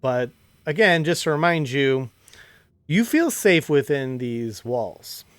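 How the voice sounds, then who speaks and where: A man's voice: mid-range voice, expressive, takes it slowly, a bit bright, no room sound. Guy dming a dnd game, dry close sound, rambles a lot, keeps restarting sentences. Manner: rambling, full of restarts and fillers. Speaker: dungeon master. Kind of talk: narrating a tabletop game.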